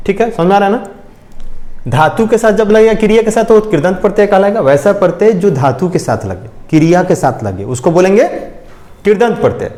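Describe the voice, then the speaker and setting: A man's voice: sits high, a little mellow, roomy sound. A male teacher giving a lesson, often repeating points and asking questions to check understanding. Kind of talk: classroom lecture.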